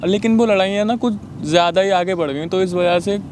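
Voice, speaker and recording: A man's voice: sits high, brisk, a little mellow, slight background noise. A young man outdoors on a city street, telling his story in an upset, emotional way and often raising his voice. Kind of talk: staged street confrontation.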